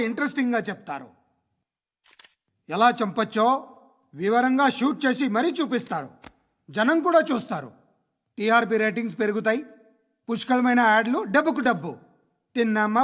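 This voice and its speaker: A man's voice: very high-pitched, fairly bright tone. An actor playing a sardonic man who lectures a room of journalists in a sarcastic, scolding tone. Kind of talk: film dialogue.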